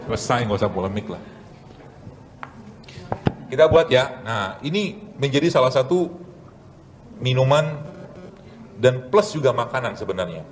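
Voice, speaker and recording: A man's voice: mid-range voice, a little slow, pauses often, slight background noise, low-quality recording. Joking male doctor giving a health talk. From Indonesia. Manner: joking, animated, rhetorical questions answered himself. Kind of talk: casual lecture with live demonstration. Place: event hall with audience.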